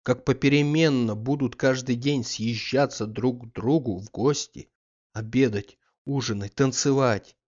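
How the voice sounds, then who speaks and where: Slow-reading male audiobook narrator. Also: medium pitch. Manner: measured, even reading. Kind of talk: scripted literary narration. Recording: slightly muffled audiobook recording.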